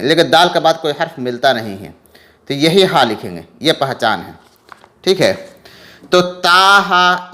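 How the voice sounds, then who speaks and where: A man teaching letter reading in a patient lesson, repeating letter names slowly and drawn out. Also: fairly high pitch, a bit bright. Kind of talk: slow explanatory lesson.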